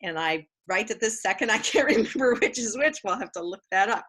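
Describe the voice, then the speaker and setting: A woman's voice: medium pitch, expressive, a little fast, fairly bright tone, breathy edge, low-quality recording. A middle-aged woman teaching preschool children online, chatting and leading songs in a cheerful sing-song way. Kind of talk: singing and teaching young children.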